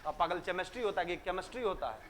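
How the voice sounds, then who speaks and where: Guy teaching class, high voice, cracks jokes n quizzes kids, faint room hum. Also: expressive, very fast. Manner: joking storyteller, fires questions at students and repeats their answers.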